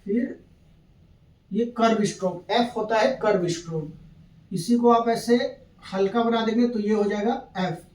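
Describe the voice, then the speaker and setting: At a board in a classroom, a man teaches shorthand, patiently repeating every step and checking in with students by asking "thik hai". His high-pitched voice is steady, measured, and darkish, recorded in an echoey room with the mic at a distance.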